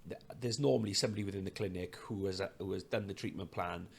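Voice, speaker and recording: A man, a clinic owner, talking earnestly as a podcast guest, with halting speech full of fillers and restarts. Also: low voice, gravelly, slightly rough. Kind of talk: casual conversation.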